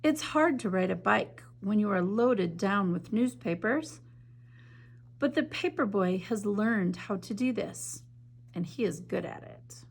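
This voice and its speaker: A woman teacher reading a picture book aloud in a gentle, measured way, then chatting enthusiastically about its illustrations. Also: medium pitch, expressive, breathy edge. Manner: gentle, measured reading with soft drops in volume; enthusiastic, chatty when discussing the art. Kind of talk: slow storybook read-aloud, then art discussion.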